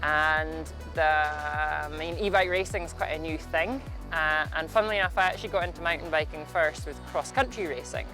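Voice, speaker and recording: Highland Scottish rider over clear music. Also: male voice, moderate pace, hardly any pauses, poor audio. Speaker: e-bike racer being interviewed. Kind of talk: casual interview. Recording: music behind the voice.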